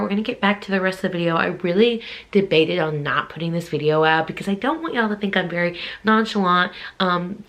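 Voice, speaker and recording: A book-reviewing vlogger with a fairly low, fairly bright voice talks casually to her viewers. Her chatty, informal delivery is full of hedging asides.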